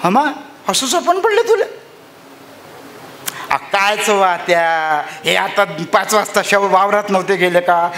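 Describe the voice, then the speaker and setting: Brief: worried young village wife, high pleading tone, voiced by a male narrator. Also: bright, forceful tone, reverberant, full character voice. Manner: pleading, coaxing.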